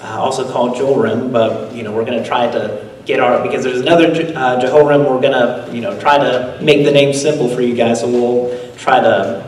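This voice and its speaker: A male pastor teaching the Bible in a relaxed, casual way, retelling the stories in everyday speech with many fillers. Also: medium pitch, a little fast, a little hiss or hum. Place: church hall. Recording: echoey hall, voice from far off.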